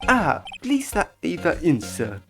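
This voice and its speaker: An eager-to-please young male bellboy speaks in a fawning, obsequious way, voiced by a woman. His delivery is slow, and his pitch rises and falls. Game music plays behind him. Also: wildly swooping pitch, exaggerated voice. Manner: obsequious and overly polite.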